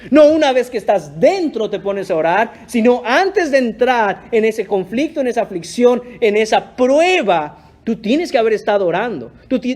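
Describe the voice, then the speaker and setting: A man's voice: sits high, darkish tone. A pastor preaching a sermon in an earnest, emphatic way, often addressing his listeners as brothers. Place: church.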